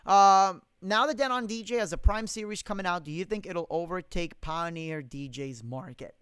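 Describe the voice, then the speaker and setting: A young man with a high, smooth, clear voice runs a casual live-stream Q&A, reading viewer comments and answering with blunt, profane, opinionated rants. He speaks at a moderate pace in a fairly bright tone, recorded close and dry on a condenser mic in a home studio with no room sound.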